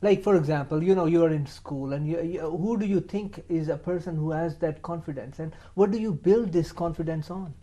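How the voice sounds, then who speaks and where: Guy hosting a youth tv show, kinda high but mellow voice, lots of uhs. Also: a little fast, few pauses, dull audio. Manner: hesitant, many fillers and restarts. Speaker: TV show host. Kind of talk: studio talk show hosting.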